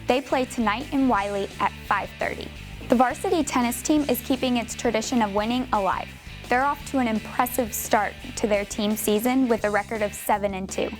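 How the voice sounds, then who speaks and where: A woman's voice: fairly high pitch, fairly quick, soft background music. Teen girl reading sports news. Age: teens. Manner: scripted, steady. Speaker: student sports anchor.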